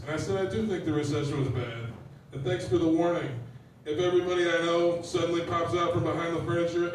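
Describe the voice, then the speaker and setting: A man with a slightly high voice performs deadpan stand-up one-liners in a lounge. He sounds far from the mic, and the room rings with heavy echo. Faint room noise hangs underneath. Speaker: stand-up comedian. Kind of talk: stand-up set at an open mic. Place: lounge bar with a live audience.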